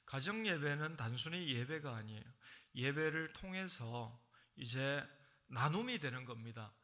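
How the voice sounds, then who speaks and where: Man, Gyeongsang accent, middle-aged, preaching in a church, very bright tone, mid pitch, conversational with loud acted-out bursts. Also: expressive, a little slow. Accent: Gyeongsang Korean. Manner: conversational storytelling, acting out quoted voices with sudden loud high bursts. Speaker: senior pastor. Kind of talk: sermon. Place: church sanctuary.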